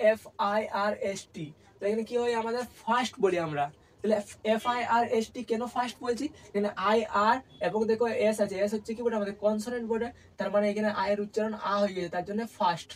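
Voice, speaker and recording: A man's voice: high-pitched, poor audio. A man teaching English spelling rules in a classroom-style lesson, repeating each point and asking rhetorical questions that he answers himself. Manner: repetitive, asks rhetorical questions and answers them.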